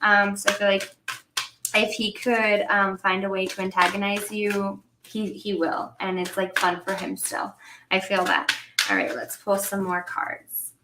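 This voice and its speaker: Gentle, hesitant young woman in an echoey room. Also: medium pitch, a little slow, background noise. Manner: gentle, hesitant, many fillers and restarts. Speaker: psychic medium reading cards. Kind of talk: casual spiritual reading. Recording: roomy echo.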